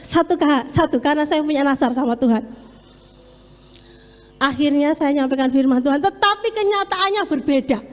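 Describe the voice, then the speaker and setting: A woman's voice: sits high, normal speed. A woman giving an earnest, emphatic testimony in a church sermon. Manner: earnest, emphatic, slips into Javanese words. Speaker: lay preacher. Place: church hall. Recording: echoey church hall with long reverb.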